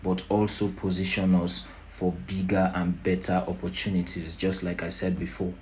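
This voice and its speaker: Low-voiced man, slow and unhurried. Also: completely flat delivery, a little hiss or hum. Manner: slow, unhurried, deliberate explaining; checks in with "right?". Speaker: organisation leader presenting annual plans. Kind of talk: slide presentation to volunteers.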